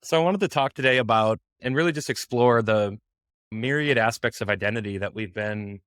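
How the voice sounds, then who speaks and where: A man's voice: on the low side, fairly bright tone, dry recording, studio quality. A man from Minnesota with a Minnesotan accent, hosting a casual podcast chat and joking often. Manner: jokey, laughs often. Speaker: podcast host.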